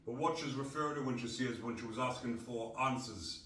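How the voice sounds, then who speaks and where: A middle-aged man from North East England hosts a casual podcast, blunt and rambling. His medium-pitched voice is a bit bright and fairly quick, recorded on a distant mic in an echoey room.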